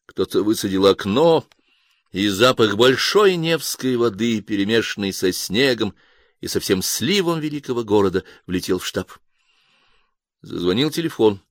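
A man narrating an audiobook in a lively, theatrical reading. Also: lowish voice, normal speed, dry recording, studio quality.

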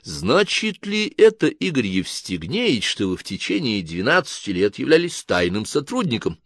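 Guy doing a cool detached radio interviewer, quiet and measured, kinda snooty. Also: mid-range voice, no room sound, studio quality. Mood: clinical. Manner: calm, measured, soft, like a psychiatrist. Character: cool, clinical male radio interviewer, faintly disdainful.

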